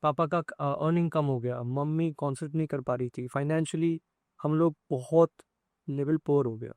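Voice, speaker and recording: A man, a music composer, sharing an emotional personal story in an interview, speaking in a soft, halting way. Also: on the high side, no room sound, studio quality.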